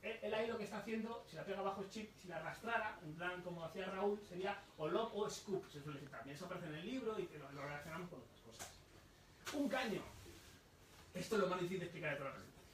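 A book author with a high, fairly bright voice presents his book at a live bookshop talk. He explains slowly and patiently, repeats words, and throws questions to the audience. The room is echoey, he sounds distant from the mic, and a faint murmur of room noise sits underneath.

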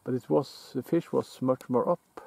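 Speaking English with a Norwegian accent, this man from Norway films himself fishing alone at a lakeside, musing casually and haltingly with frequent restarts. His mid-range voice is gravelly and husky, and the recording sounds dry. He stays off camera while a shore-mounted camera captures his outdoor vlogger commentary.

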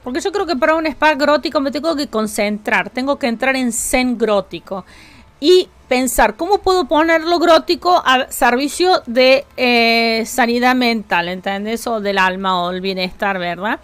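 A woman's voice: fairly high pitch, normal speed, fairly bright tone, dry recording. A woman with a Rioplatense Spanish accent, chatting casually with her live-stream chat while building in a game, jokey and talkative.

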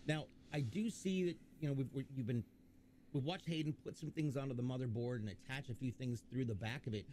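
A man's voice: mid-range voice, a little fast, a little mellow, slight background noise. A man hosting a livestream PC build, chatty and joking while reading viewer questions aloud. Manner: chatty, jokey, reads viewer chat aloud. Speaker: livestream host. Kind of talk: casual livestream chat.

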